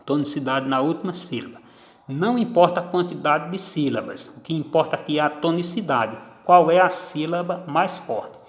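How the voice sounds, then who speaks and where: A man teaching a grammar lesson, stressing each example word slowly and deliberately. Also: a little high. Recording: echoey room with long reverb.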